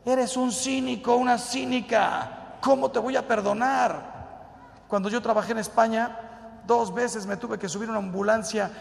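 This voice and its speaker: A priest gives a sermon-style talk to a live audience, firing rhetorical questions and acting out both sides of everyday dialogues. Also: male voice, very high-pitched, fairly even intonation, unhurried, creaky. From Mexico. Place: large hall with an audience. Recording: reverberant hall.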